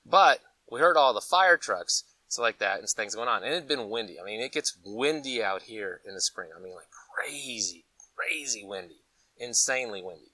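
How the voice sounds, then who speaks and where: Speaking at a normal pace in a lower voice, a Colorado man hosts a preparedness gear channel and rambles casually through folksy, animated stories with acted-out asides. The rough recording was made from a distance, without echo.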